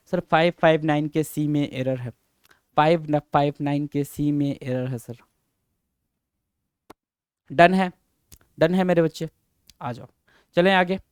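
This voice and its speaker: Guy teaching grammar, kinda high voice, clear and dry, repeats stuff a lot. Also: darkish tone, no echo. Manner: mixes Hindi and English, calls students "beta" and "sir", repeats himself. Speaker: English teacher. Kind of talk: Hindi-English grammar lesson.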